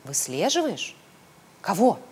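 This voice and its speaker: A woman voicing a tiny, timid, excitable young male piglet in a storybook reading, squealing with excitement. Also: mid-range voice, slow pace, breathy edge, long reverb tail, full character voice. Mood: curious.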